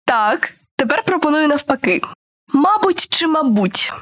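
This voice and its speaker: A woman radio host answering and asking questions in a word quiz with a measured, thoughtful delivery. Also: high voice, very animated, fairly bright tone. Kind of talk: language quiz chat.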